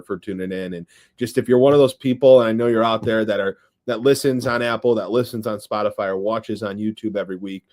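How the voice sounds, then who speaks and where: A man with a somewhat low voice speaks earnestly in casual sports podcast chat. He asks listeners for support in a plain, sincere way. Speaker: podcast co-host.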